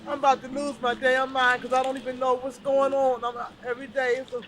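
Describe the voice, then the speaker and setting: A distraught woman speaking at a press conference, halting and repeating herself as her voice breaks with anger. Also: high voice, flat delivery, a bit bright, slight background noise. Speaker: bereaved mother at a press conference. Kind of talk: emotional spoken statement.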